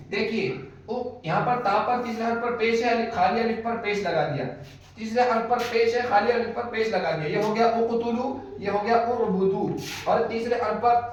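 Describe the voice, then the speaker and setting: A man's voice: high voice, slight background noise. A man teaching rules of Quran reading in an online lesson, patiently repeating each rule several times. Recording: echoey, dull, distant mic.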